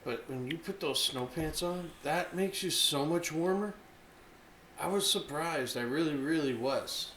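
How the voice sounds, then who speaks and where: Higher-voiced man in an echoey room. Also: unhurried, a bit bright, slight background noise. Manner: agreeable, chiming in with backing remarks. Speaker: podcast co-host. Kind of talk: casual chat.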